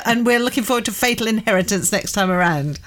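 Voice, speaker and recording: A woman's voice: medium pitch, lively intonation, fairly quick, fairly bright tone, a little hiss or hum. A woman radio host with a mid-range voice asks questions eagerly. She often restarts her sentences as she talks. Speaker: radio book show host. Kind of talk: radio interview.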